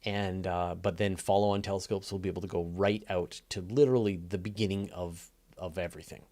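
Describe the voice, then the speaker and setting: A man hosts a casual live science Q&A, answering audience questions conversationally and thinking aloud with enthusiasm. His deep, dark voice is steady and fairly quick.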